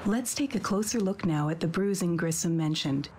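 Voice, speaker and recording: Low-pitched woman narrating a game tutorial. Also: animated, normal speed, noisy background. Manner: clear-worded, instructional, composed. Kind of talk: scripted video game instructions.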